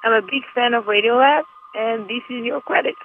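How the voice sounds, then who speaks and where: A woman's voice: fairly high pitch, fairly quick. Woman from chile leaving a voicemail, thin phone-line sound, a bit of hiss. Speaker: listener caller. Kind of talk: voicemail message.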